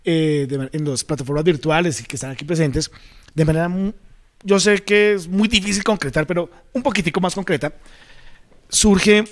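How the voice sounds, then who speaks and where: A man with a somewhat high voice moderating a panel discussion. He leads the talk toward audience questions, often breaking off and restarting his phrases. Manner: searching for words, restarts phrases.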